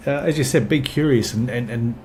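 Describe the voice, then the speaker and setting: Male podcast host. Mid-range pitch. Halting and conversational, often restarting. Faint noise in the background. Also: a little mellow. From Australia. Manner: halting, with frequent restarts and repeats.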